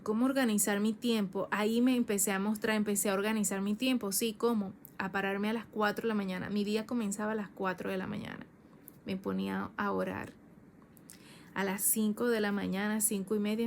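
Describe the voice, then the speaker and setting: Woman evangelist telling her testimony, fervent, keeps repeating herself, bit of faint background hiss. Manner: fervent, repeats phrases, voice rises high when emotional. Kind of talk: personal testimony sermon.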